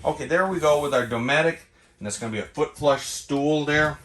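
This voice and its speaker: A man's voice: on the high side, background noise. Chatty man giving a playful sales tour. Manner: chatty and playful, with jokey sound-effect asides; talks quickly, cramming in details. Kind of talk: product walkthrough tour. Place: inside a travel trailer.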